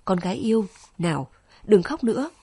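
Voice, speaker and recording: A woman's voice: medium pitch, animated, fairly quick, warm tone, husky, no echo. A woman voicing a tender, worried mother who soothes and pleads with her daughter, in a storybook reading. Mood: soothing.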